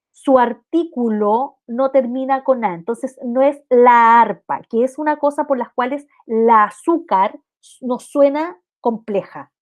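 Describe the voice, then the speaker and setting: A Chilean-accented woman with a slightly high voice teaches a language class online, though the audio has its highs cut off. Her delivery is explanatory and methodical, and she regularly checks in with students using rhetorical questions.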